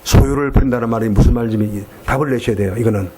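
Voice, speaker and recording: A man with a Gyeongsang Korean accent preaching a sermon in church, emphatic and repetitive, switching into slow deliberate English at times. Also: mid-range voice, mellow, slight background noise. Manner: emphatic, repeats phrases, mixes in slow English. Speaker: missionary preacher. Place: church sanctuary.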